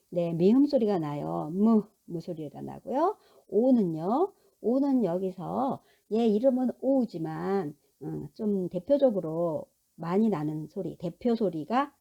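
A woman teaching a basic English lesson to grown-up learners, with a gravelly edge of vocal fry in her voice. Her tone is dark and relaxed. She goes patiently, sounding out letters one at a time and answering her own questions. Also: fairly low pitch, lo-fi sound. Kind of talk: recorded English lesson for adult literacy learners.

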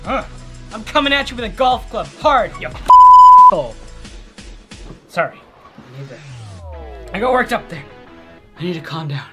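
A teenage actor playing a petty, easily sidetracked apocalypse survivor who rambles and keeps apologizing in a comedic short film. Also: male voice, fairly high pitch, sing-song, normal speed, long pauses, muffled recording, over music. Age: teens. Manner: rambling, self-interrupting, apologetic asides. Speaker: survivor recording a video message.

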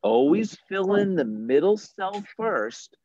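Slow, patient math teacher over a dull call. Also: medium pitch, very animated, a little mellow, slight background noise. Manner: slow, patient, deliberate explaining. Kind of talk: teaching young children in an online class.

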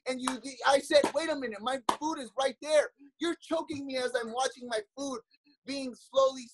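A man's voice: very high-pitched, normal speed, poor audio. A young adult man, a comedian guest, arguing heatedly and defensively on a podcast, rambling and cursing.

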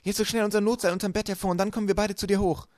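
A clever, practical teenage girl, voiced by a man reading a storybook aloud, brisk and encouraging. Her voice sits a little higher than his own, and she talks quickly. The sound is close and dry. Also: no echo, lightly acted. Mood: eager.

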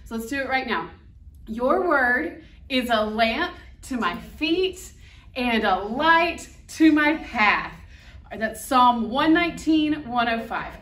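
Kids' ministry teacher, woman, playful and coaxing, slightly high voice, roomy and distant. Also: animated, slow, a bit bright. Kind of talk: teaching a Bible verse with motions to small kids. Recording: echoey room, voice from off-mic.

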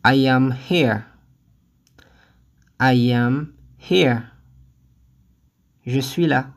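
A language teacher reading short phrases one at a time, saying each twice with careful, deliberate delivery, then giving the translation. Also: medium pitch, gravelly. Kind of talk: slow phrase-by-phrase lesson reading.

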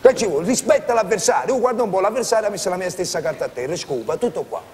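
A man's voice: sits high, expressive, quick pace, in a large hall, a little hiss or hum. An actor playing a fussy, grumbling man with a Neapolitan accent who lectures the others in a film comedy. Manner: fussy, grumbling, self-important sore loser. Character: middle-aged man, grumbling sore loser. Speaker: lead character in a film comedy.

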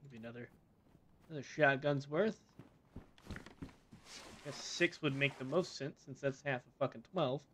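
A man's voice: medium pitch, normal speed, long pauses, fairly bright tone, a little hiss or hum. A man chatting casually while playing a co-op game, joking and swearing with his partner. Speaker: gamer.

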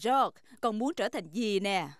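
A woman's voice: mid-range voice, animated, a little slow, lightly acted. A woman voicing a friendly adult lady rabbit talking to children in a dubbed cartoon. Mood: friendly, helpful. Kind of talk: dubbed preschool cartoon acting.

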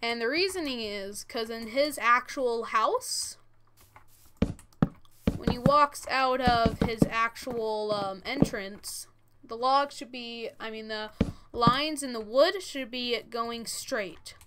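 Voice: medium pitch, takes it slowly. A thirteen-year-old who says w for r, giving casual, informal step-by-step commentary as host of a gaming tutorial. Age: 13 years old. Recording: noisy, with keyboard and mouse clicks.

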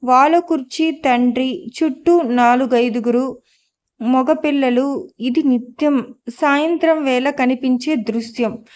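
A woman narrating a story aloud as a scripted audiobook reading, in a slow, measured way. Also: high-pitched, darkish tone, lo-fi sound.

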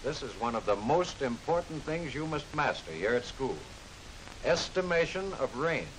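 A middle-aged American man giving formal, instructive mid-century newsreel-style narration for a military training film, in measured phrases. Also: mid-range voice, very animated. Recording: hissy, noisy vintage film soundtrack.

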